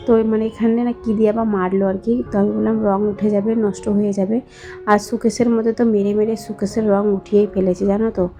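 A young woman with a hoarse voice from a cold, chatting slowly and softly to her viewers in a voice-over for her home vlog. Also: mid-range voice. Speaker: vlogger, housewife.

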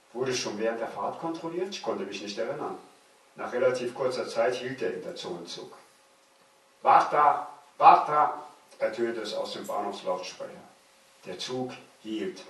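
Echoey older man reading his memoir. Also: fairly low pitch. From Germany. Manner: measured, slows for suspense. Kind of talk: literary reading. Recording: very echoey room, distant mic.

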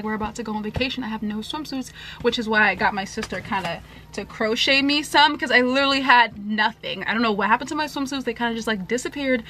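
A woman's voice: on the high side, sharp tone, slight background noise. A young woman in her twenties chatting casually to the camera in a home haul vlog, filling her talk with "like". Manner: chatty, filler-heavy, lots of "like". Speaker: vlogger. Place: bright room at home, indoors. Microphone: camera facing her at close range.

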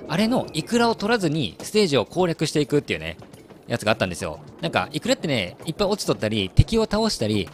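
A man's voice: mid-range voice, slight background noise. A young man from Hiroshima with a Hiroshima dialect accent, giving chatty, playful gameplay commentary with frequent laughs. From Hiroshima, Japan. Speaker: game commentator.

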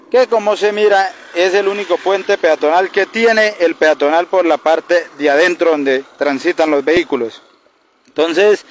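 A man in his thirties, a community leader, urgently complaining in a street interview by a roadside, held mics close. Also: high voice. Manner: urgent, indignant complaint, pointing things out. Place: roadside outdoors by a bridge. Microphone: handheld news mics held close. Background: passing traffic.

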